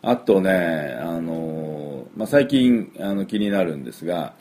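A middle-aged man giving a chatty English pronunciation lesson, with drawn-out fillers and model words repeated for the listener to copy. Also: low voice, expressive, darkish tone. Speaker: English teacher.

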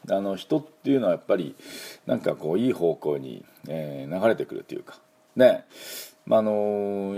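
A middle-aged man hosting a relaxed, chatty English lesson, filling his talk with asides and leading repeat-after-me pronunciation drills. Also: sits low, breathy edge. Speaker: English teacher and show host. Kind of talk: casual spoken English lesson.

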